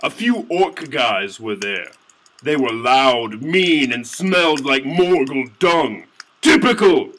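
A man's voice: medium pitch, lively intonation, slow pace, fairly bright tone, rough recording. A man narrating a satirical fantasy story in a mock-earnest tone with indignant outbursts.

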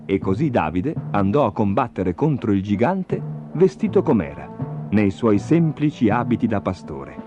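A man narrating a story in an expressive, animated storybook style. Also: on the low side, moderate pace. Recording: dull lo-fi recording with music. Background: music.

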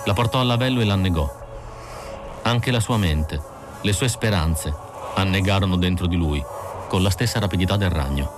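A man narrating a novel as an audiobook reader, measured and expressive. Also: low-pitched, over music.

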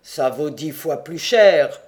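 A man's voice: on the high side, animated, slow, darkish tone. A man voicing an indignant, greedy smuggler who growls and roars, in an audiobook. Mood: outraged.

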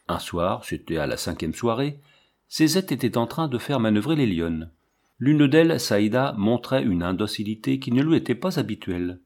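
A man narrates a novel at an even, measured pace. His voice sits at a middling pitch, and his delivery stays steady and composed. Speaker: audiobook reader.

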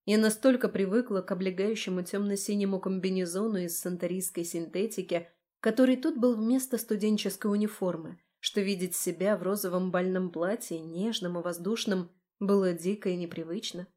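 A woman narrating a fantasy novel in the first person, with a lively, expressive reading. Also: medium pitch, fairly quick. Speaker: audiobook narrator.

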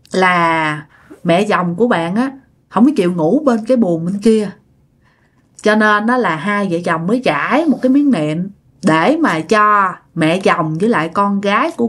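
Woman, storyteller, casual ghost-story narration, chatty, middle pitch. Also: fairly bright tone. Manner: chatty, addresses the listener directly.

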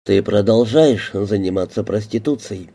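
A man's voice: on the low side, normal speed, gravelly, dark tone. A man reading a blunt, suspicious detective. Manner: blunt, interrogating questions. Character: suspicious male police detective, probing.

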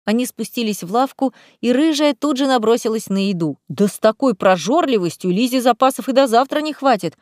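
A woman narrating an audiobook with a lively, expressive delivery. Her voice is slightly high and sounds close, with a completely dry, roomless sound. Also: brisk, hardly any pauses, dry recording.

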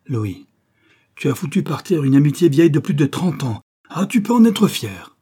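A man's voice: medium pitch, moderate pace, mellow, husky, close to an everyday voice. A man reading an audiobook and voicing a blunt, indignant old friend who scolds hotly. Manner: scolding, heated and accusing.

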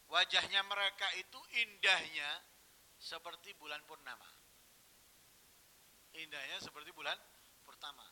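A man preaching a sermon, telling stories and swinging from hushed, quiet phrases to loud, emphatic ones. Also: high voice, low-quality recording.

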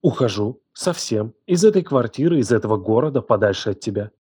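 Man playing a betrayed young woman, trembling, shouting, audiobook drama, dry close sound. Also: mid-range voice, lively intonation, fairly quick, slightly rough, no room sound. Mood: bitter. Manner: trembling, shouting and hissing in turn. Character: distraught furious young woman, betrayed guardian.

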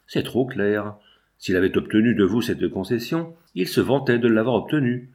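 A man's voice: lowish voice, moderate pace, darkish tone, natural voice. A blunt, wealthy factory owner, as a male reader puts him on. He answers shortly and dismissively, sure of his own interests. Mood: reasoning. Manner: curt, dismissive.

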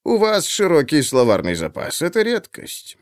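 A man voicing a polite, measured male professor in an audiobook. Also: a little high, huge pitch swings, dry recording, clean studio sound, voice pushed up. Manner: courteous, measured.

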